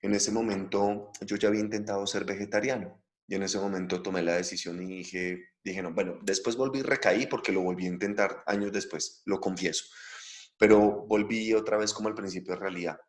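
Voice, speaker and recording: A middle-aged man from Latin America delivers a spiritual talk in a lower-pitched voice. He is emphatic and repeats key phrases to drive them home. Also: fairly even intonation, fairly quick. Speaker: spiritual teacher. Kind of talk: lecture-style spiritual talk.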